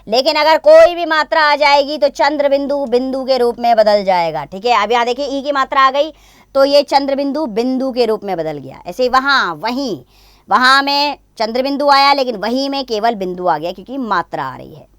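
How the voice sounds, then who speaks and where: A woman's voice: sits high, lively intonation, clean tone, no room sound. Patient woman teaching young children. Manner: slow, patient explaining with examples. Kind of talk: grammar lesson for children.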